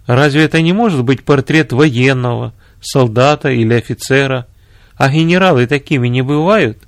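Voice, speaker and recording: A man's voice: mid-range voice, moderate pace, no room sound, clean studio sound, natural voice. A man voicing an earnest male minister who explains scripture patiently.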